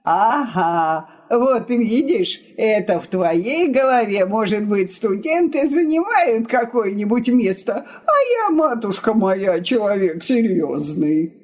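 A woman's voice: mid-range voice, expressive, slow, few pauses, a little mellow. A woman reading aloud, voicing an exasperated middle-aged husband who blusters and pleads.

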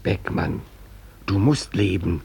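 An insistent male inner voice in a radio play, urging a man to live. The voice is gravelly and very rough. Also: sits low, animated, takes it slowly, a little mellow, heavily acted.

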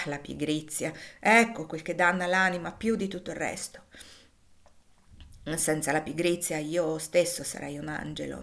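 A woman reading aloud and voicing an easygoing, witty gentleman with a drawling, teasing manner. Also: mid-range voice.

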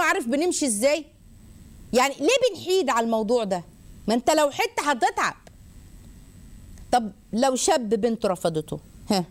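Leading a religious advice talk, the host is a woman whose voice sits high and carries an Egyptian Arabic accent. She keeps things lively and rhetorical, enumerating points and doing impressions of people.

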